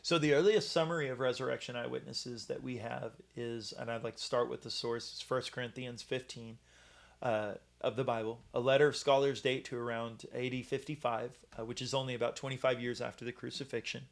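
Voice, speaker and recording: Halting man giving a Bible talk. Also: medium pitch, fairly even intonation, gravelly. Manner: halting, many fillers and restarts. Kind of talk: casual Bible teaching talk.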